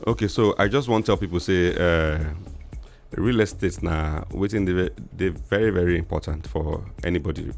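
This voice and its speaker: A man's voice: sits low, normal speed, vocal fry, soft background music. A middle-aged Nigerian man explaining things as an interview guest in Nigerian Pidgin mixed with English, repeating words for emphasis. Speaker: real estate expert guest.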